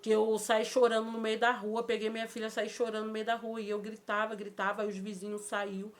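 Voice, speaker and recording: A woman's voice: on the high side, completely flat delivery. Emotional Brazilian woman recounting a loss. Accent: Brazilian Portuguese. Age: adult with a child. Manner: emotional, halting, repeats phrases. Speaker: vlogger. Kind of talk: personal storytelling vlog.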